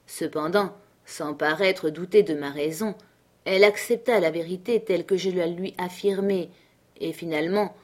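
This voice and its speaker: A woman narrating a classic novel as an audiobook in a measured, clear reading. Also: lowish voice, a little mellow.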